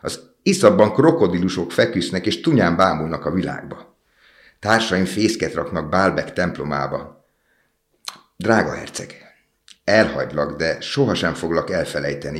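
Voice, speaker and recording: Small devoted swallow, storybook bird, eager and pleading, man doing the voice, raised from his very deep register. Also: reverberant.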